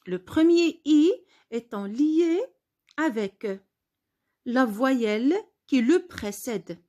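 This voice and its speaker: Woman teacher, spelling lesson, very slow delivery, patient repetition, fairly high pitch. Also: lively intonation, warm tone. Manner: patient, repeats words slowly for pupils.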